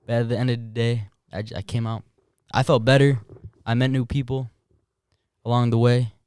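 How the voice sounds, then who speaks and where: A man's voice: mid-range voice, level tone, moderate pace, a little mellow, clean tone, no echo, studio quality. A man who is a Marine veteran and a podcast guest, talking casually in an earnest, reflective way. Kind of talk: casual chat.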